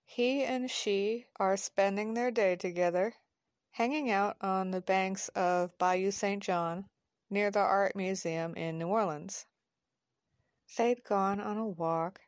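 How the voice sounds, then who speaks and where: Woman narrating an audio drama, slow calm storytelling, dry close mic. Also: medium pitch, dry recording.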